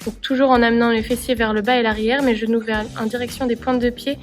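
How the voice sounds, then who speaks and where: A woman clearly explaining workout exercises step by step as a coach. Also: fairly high pitch, little pitch movement, fast talker, faint music behind. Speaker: CrossFit coach. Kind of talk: workout instruction.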